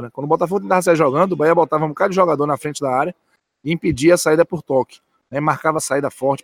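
A man's voice: a little high, no room sound. Emphatic man analyzing a football match. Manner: emphatic, repeats key words. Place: football stadium stands.

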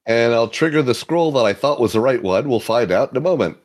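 A man playing a tabletop game, tossing out quick, dry, playful quips. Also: mid-range voice, lively intonation. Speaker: player.

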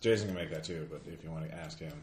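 A man running a tabletop game as game master, narrating casually in a halting, hesitant way. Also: a bass voice. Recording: echoey room, noisy, clicks.

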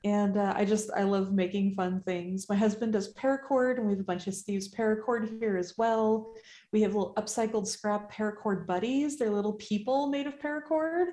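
In an echoey artisan shop, a woman appears as a podcast guest artist, speaking casually and joking at her own expense. Her voice is medium-pitched and mellow, at a normal speed.

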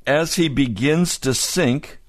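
A man preaching a sermon as a pastor. He tells the story slowly and deliberately, pausing to explain each point. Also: medium pitch, no echo, studio quality.

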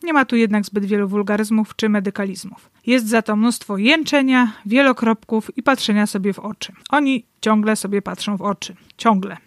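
A woman's voice: medium pitch, moderate pace, few pauses. A woman talks through literature in a wry, analytical way, with a dryly ironic edge. She sits close to the mic in a dry, dead sound with no room echo. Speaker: book reviewer. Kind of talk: literary commentary with read-aloud excerpts.

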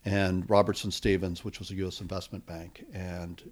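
A middle-aged American venture capitalist, appearing as a guest, answers interview questions in a relaxed, wandering style packed with fillers. His voice is low and his pace normal.

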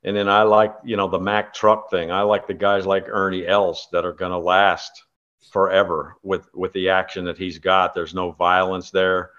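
A man in his sixties from California talks as a guest in a very low, deep voice. He rambles through anecdotes, full of fillers and restarts. The recording sounds dull and lo-fi. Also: little pitch movement, normal speed, a bit bright. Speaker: guest, former tour golfer. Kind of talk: casual interview chat.

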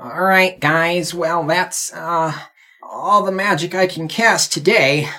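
A man's voice: on the high side, takes it slowly, sharp tone, full character voice. A man voicing a worn-out, slumped male spellcaster who talks wearily. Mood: weary. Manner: weary and slumped.

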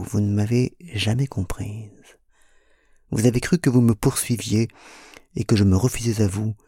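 A man's voice: fairly low pitch, vocal fry, warm tone, husky, no room sound, clean studio sound, heavily acted. A man doing a proud, mocking young woman. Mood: earnest. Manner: mocking, defiant. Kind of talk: audiobook reading.

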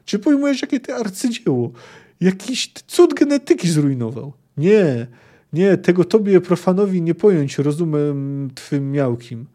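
A man's voice: sits high, big pitch swings, normal speed, dark tone, voice pushed up. A man voicing a pompous, indignant old male wizard who rants in archaic phrasing. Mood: indignant ranting. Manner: archaic, ranting speech.

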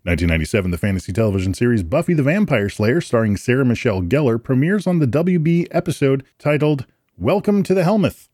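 A man's voice: mid-range voice, big pitch swings, fast, a little mellow, dry recording, clean studio sound. A man hosting a live podcast, reading out date trivia and slipping in corny jokes and puns. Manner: jokey, punny asides. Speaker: podcast host.

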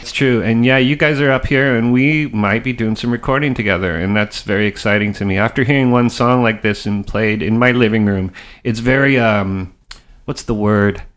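A man's voice: lowish voice, normal speed, a bit bright. Effusive male interview host. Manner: effusive, enthusiastic. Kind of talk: casual interview chat. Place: living room at home.

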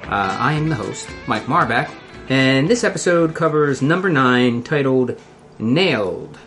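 A man with a Philadelphia accent hosting a casual podcast in a halting, loosely scripted way. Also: medium pitch, fairly bright tone, faint music behind. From Philadelphia area, United States. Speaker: podcast host.

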